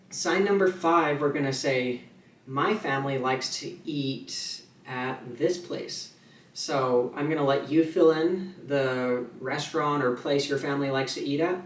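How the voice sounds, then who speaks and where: A man explains sign language in a loose, conversational way, trailing off with fillers and restarting his thoughts as he goes. His mid-pitched voice sits slightly back from the camera mic in a roomy, echoing space. A faint hum of ambient noise runs underneath. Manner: relaxed, chatty, many fillers and restarts, slows to mouth example sentences. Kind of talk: casual instructional video. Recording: echoey room, voice a little far from the mic, faint ambient noise.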